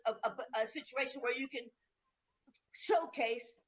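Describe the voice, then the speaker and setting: A woman's voice: on the high side, unhurried. A woman hosting an online talk show in a chatty, affectionate way, her voice coming back as a faint, long delayed echo over the call. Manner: chatty and affectionate, calls her guest pet names. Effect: faint, long delayed echo of her own voice coming back over the call. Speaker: host. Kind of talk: casual online show interview.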